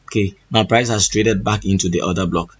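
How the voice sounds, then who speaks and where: A man with a hoarse, husky voice walking through trading charts, thinking aloud and often restarting his phrases. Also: deep voice, fairly even intonation, a little fast, dull audio. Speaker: trading educator.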